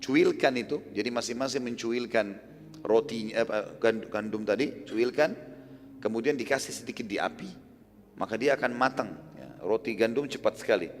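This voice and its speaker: A male preacher retells a story during a sermon in a mid-range voice at normal speed, with long hall reverb around him. He's colloquial and explanatory, using casual fillers, and acts out the quoted lines by raising his voice.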